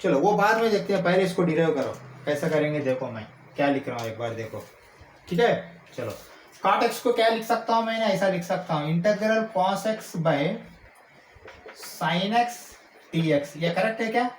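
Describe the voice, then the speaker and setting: A man teaching calculus, checking in often with quick questions and slowing down to dictate formulas. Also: high-pitched, expressive. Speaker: maths teacher. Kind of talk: explaining calculus while writing. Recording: echoey room with faint ambient noise.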